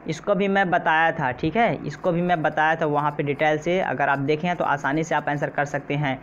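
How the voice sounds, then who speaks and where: Male teacher for an exam-prep lesson, patient and repetitive, mid pitch, a little dull and noisy. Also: steady tone, moderate pace, fairly bright tone. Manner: repeats questions and says "theek hai" often. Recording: slightly dull, faint noise.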